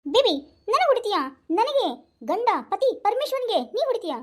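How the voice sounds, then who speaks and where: A woman's voice: very high voice, rapid-fire. A woman voicing a meek, whining young husband in a Kannada cartoon, with a North Karnataka accent. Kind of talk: cartoon voice acting.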